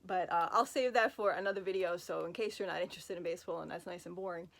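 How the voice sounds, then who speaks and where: Her voice sits lowish, fast and gravelly yet fairly bright, with the accent of her native Brooklyn, New York. Recorded on a phone from her bed, she fields fan questions in a loose, chatty ramble, cracking jokes at her own expense and wandering into asides with lots of fillers.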